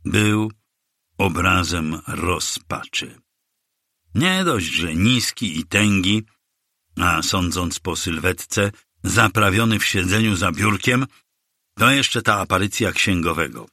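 Man, audiobook narrator, deep voice, dry close recording. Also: lively intonation, slow pace, pushed and bright, no room sound. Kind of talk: scripted narration of a crime novel.

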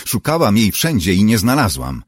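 A man's voice: lowish voice, wildly swooping pitch, moderate pace, slightly rough, no echo, clean studio sound, pitched above the performer's own voice, heavily acted. A man voicing a determined young woman in an audiobook, speaking urgently and calling out in raised tones. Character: determined young woman searching for her friend. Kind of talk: audiobook dialogue.

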